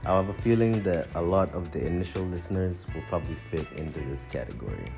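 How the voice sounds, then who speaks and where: A man's voice: low-pitched, lively intonation, fast, vocal fry, music in the background. A man from Tanzania co-hosting a casual podcast over a phone, rambling, restarting his sentences and chuckling between thoughts. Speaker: podcast co-host.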